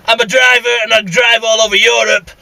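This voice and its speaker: This male CB radio vlogger talks in a very high, fairly quick voice that stays flat in pitch and comes across gravelly, bright and forceful. With his Northern English accent, he rambles bluntly and swears while driving, grumbling inside the vehicle. No echo is heard.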